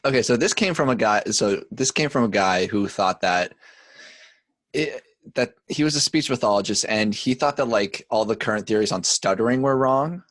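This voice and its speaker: A man's voice: lowish voice, normal speed, fairly bright tone, no room sound. A young man co-hosting a podcast, telling a story in casual chat with lots of fillers and cursing. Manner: rambling storyteller with filler words and profanity. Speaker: podcast co-host.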